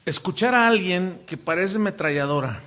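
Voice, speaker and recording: A Mexican man, a pastor, teaching a class on preaching. His voice is bright and sits fairly high, and he jokes and restarts his sentences often. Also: normal speed. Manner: animated, joking, many restarts. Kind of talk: sermon-style lesson.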